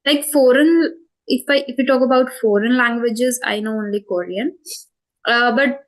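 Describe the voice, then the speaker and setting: Her voice sits on the high side, and she talks at a normal speed. This Indian-accented woman in her twenties runs a spoken English channel, and she answers interview questions about it carefully, with plenty of fillers and self-corrections.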